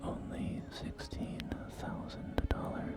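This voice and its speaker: In a whispered ASMR roleplay, a performer plays a polite, eager real estate agent after the apocalypse, delivering courteous, hesitant sales patter at a slow pace with light acting. The mood is gently enthusiastic. Close whispering sits under a loud music bed, with music and game audio in the background.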